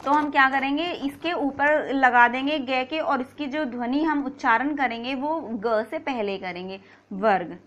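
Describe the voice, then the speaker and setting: High-voiced woman teaching grammar patiently. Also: unhurried, fairly bright tone, lo-fi sound. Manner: patient, repeats key points, asks and answers own questions. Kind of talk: explanatory grammar lesson.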